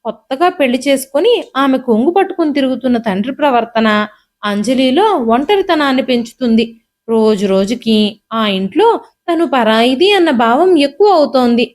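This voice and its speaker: A woman narrating an emotional family story in a steady, expressive reading. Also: sits high, normal speed.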